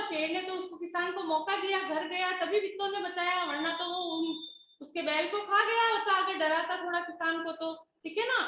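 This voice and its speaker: A woman's voice: very high-pitched, pushed and bright, reverberant, a little hiss or hum, low-quality recording. A woman teacher explaining a Hindi lesson patiently, often checking that her pupils follow. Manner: patient, keeps checking with "है ना?" and "ठीक है?".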